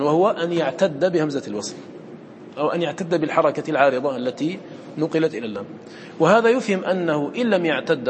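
A man's voice: fairly high pitch, slight background noise. A man teaching Quran recitation in a classroom lesson, asking his students questions and answering them himself, sometimes chanting verses in a melodic recitation.

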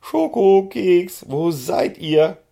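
A man's voice: low voice, wildly swooping pitch, slow pace, darkish tone, breathy edge, exaggerated voice. A man voicing the impatient woman who runs the farm in a storybook reading, calling and scolding.

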